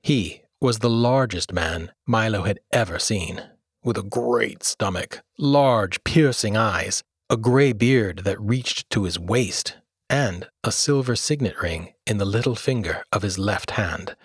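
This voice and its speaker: A man reading a children's story aloud as narrator, expressive and lively. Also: lowish voice, unhurried, husky, no room sound, studio quality. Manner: expressive storyteller, voices characters. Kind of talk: audiobook reading.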